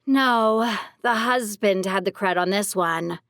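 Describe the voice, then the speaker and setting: A woman voicing rough, foul-mouthed women bounty hunters in an audio drama, talking in crude street slang. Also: mid-range voice, takes it slowly, a bit bright, no room sound, studio quality. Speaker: voice actor for three women characters. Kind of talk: audiobook character dialogue.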